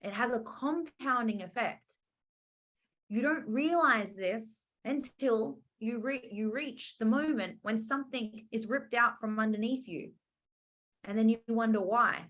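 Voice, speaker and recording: A woman's voice: on the high side, measured pace. Chatty woman coaching on a call. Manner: animated, chatty, acts out quotes, many "like" and "right?". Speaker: business and money mindset coach. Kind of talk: casual coaching talk on a group call.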